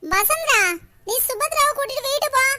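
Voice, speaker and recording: A woman's voice: extremely high pitch, normal speed, pushed and bright, slight background noise, full character voice. Woman voicing a firm village peacemaker. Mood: calming. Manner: soothing, firm, telling others to stop. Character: older village woman peacemaker, calm elder sister. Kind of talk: animated cartoon voice acting.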